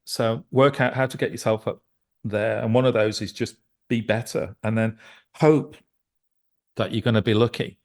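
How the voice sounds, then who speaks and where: A man's voice: lowish voice, steady tone, moderate pace, darkish tone. A middle-aged man, a musician and producer, talking as a guest in a casual interview, rambling with many restarts and fillers. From England.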